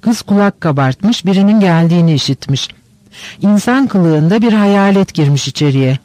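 A man's voice: sits high, lively intonation, normal speed, a little mellow, no echo. A man reading the part of an unmarried old woman who tells a spooky fortune-telling tale in an audiobook. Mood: eerie. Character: unmarried old woman, family companion, fond of spooky tales.

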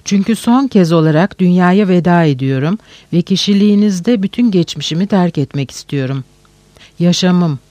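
A feverish old teacher in a storybook reading, tearful and rambling, repeating his pleas in a rush, as a male narrator puts him on. The voice sits high and the reading is close and dry, with no room sound. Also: warm tone, dry recording, close to an everyday voice. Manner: pleading, breathless outpouring with repetitions.

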